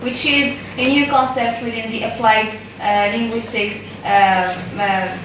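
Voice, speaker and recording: A woman's voice: fairly high pitch, fairly even intonation, a little slow. A woman with a North African, formally introducing speakers as a seminar moderator. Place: indoor seminar room, far from mic. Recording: very echoey room, distant mic, noisy.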